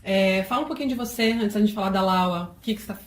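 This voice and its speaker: A Brazilian woman hosting a casual interview, asking friendly, quick questions. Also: mid-range voice. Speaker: interviewer, host. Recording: echoey room, faint noise.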